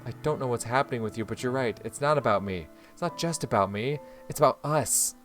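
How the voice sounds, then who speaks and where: A man's voice: medium pitch, a little fast, faint music behind, lightly acted. A man reading the lines of a self-pitying young male lover from a visual novel in a plain voice. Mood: sulky.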